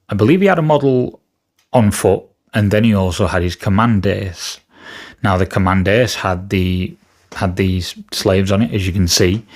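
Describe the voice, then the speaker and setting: Guy just out of bed, kinda gravelly, rambling about rumours, lots of ums. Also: lowish voice. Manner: chatty, hedging, self-correcting with fillers. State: just woken up, voice a bit rough. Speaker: wargaming channel host. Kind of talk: casual rumour commentary to camera.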